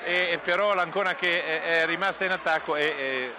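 A man's voice: a little high, moderate pace. A man co-commentating on a live football match with conversational, unscripted analysis. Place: outdoor football stadium. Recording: noisy outdoor stadium broadcast.

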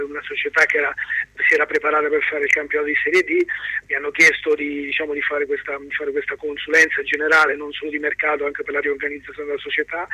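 A man speaking over a telephone line as a guest on a radio show, answering in a halting way with many restarts and repeated words. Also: fairly high pitch, bright, forceful tone, breathy edge, dry recording. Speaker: phone-in guest, club consultant. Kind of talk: radio phone interview.

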